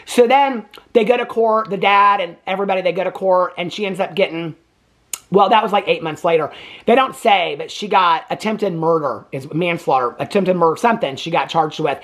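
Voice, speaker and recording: A woman casually recapping a movie to camera, sassy and chatty, acting out the characters' lines with big jumps in pitch. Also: fairly quick. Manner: sassy and chatty, sarcastic asides. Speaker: movie reviewer.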